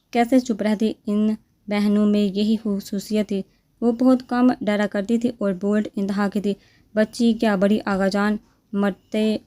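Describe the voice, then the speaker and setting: A woman narrating a romance novel aloud, reading in an even, unhurried manner. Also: medium pitch.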